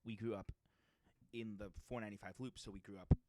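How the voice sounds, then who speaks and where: A man's voice: lowish voice, steady tone, a little fast, dark tone, a little hiss or hum. A young man from the Boston area with a Boston accent, co-hosting a podcast in a rambling, casual way full of fillers and restarts. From Metro West Boston area. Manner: rambling, laid-back, with many fillers and restarts. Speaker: podcast co-host. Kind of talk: casual chat. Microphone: podcast mic.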